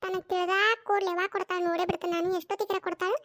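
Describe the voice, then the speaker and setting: A performer doing a stubborn older cartoon mother-in-law with a North Karnataka Kannada accent, her voice pitched extremely high. She scolds in drawn-out, grumbling retorts at a quick clip. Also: flat delivery, fairly bright tone. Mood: scolding. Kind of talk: cartoon voice acting.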